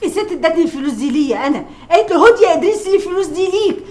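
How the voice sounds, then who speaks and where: A woman's voice: extremely high pitch, animated, very fast, darkish tone. An actress playing a cheeky male house servant who talks back, with an Egyptian accent. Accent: Egyptian Arabic. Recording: roomy echoey set.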